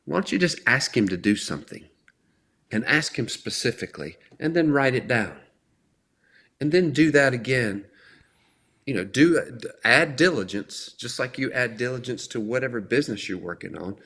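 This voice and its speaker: A middle-aged man giving an earnest, conversational talk on faith, slowing down to stress key words. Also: medium pitch, a bit bright, breathy edge. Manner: earnest, emphatic, often slows for stress. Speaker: faith speaker.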